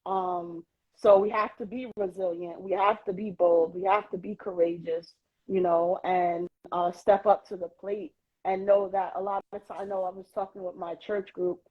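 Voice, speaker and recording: Her husky, medium-pitched voice stays level and moves at a moderate pace. She's a Queens, New York native chatting casually and reflectively as a podcast guest, dropping many "um"s and "you know"s. A phone on a live social video stream picks her up, giving lo-fi livestream sound.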